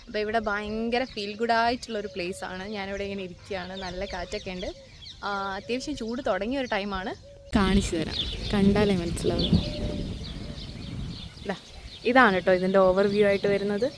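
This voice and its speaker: A woman chatting casually to her camera while sitting in an outdoor park, relaxed and talkative. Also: medium pitch, moderate pace, pauses often. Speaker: travel vlogger. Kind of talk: casual on-location vlog talk. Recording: outdoor ambience with clear noise. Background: birds and roosters.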